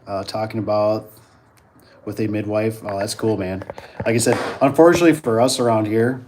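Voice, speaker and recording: A man's voice: fairly low pitch, moderate pace, a little mellow, a little hiss or hum. Easygoing rambling male streamer. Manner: rambling, repeats himself, easygoing. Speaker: host of a live stream. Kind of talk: casual chat, reacting to viewers.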